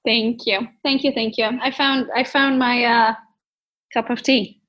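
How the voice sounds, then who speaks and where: Her voice fairly high and her intonation fairly even, this woman in her thirties speaks unhurriedly with a Romanian accent. A realtor from Transylvania appearing as a podcast guest, she shares her life story in a candid, chatty way, on a recording with the highs cut off.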